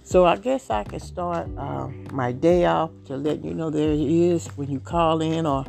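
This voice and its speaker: Speaking at a normal speed with faint music behind her, the same Southern-accented podcast host in her late fifties has a low, creaky voice. She rambles earnestly about herself in casual talk, her words carrying the warmth of heartfelt testimony.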